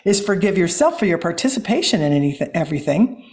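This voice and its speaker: A woman with a Midwestern American accent, her voice sitting a little low. She talks in an earnest, flowing and spiritual way, as a guest author in a reflective interview. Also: big pitch swings, fast talker, darkish tone. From Missouri, US.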